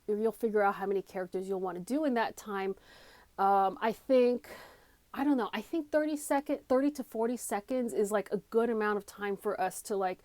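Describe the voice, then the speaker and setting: A woman with a dark-toned, medium-pitched voice delivers a casual, improvised tutorial, emphatic and chatty with a self-deprecating streak. She's a comedy coach and video creator using a headphone mic in a small, cramped room, and there's no echo.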